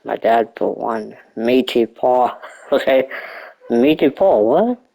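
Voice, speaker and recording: Slow, stumbling nineteen-year-old male reader. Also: medium pitch, animated, creaky, dark tone, poor audio. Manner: halting, stumbling reading with asides and chuckles. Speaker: gaming YouTuber. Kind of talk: reading a visual novel aloud with commentary.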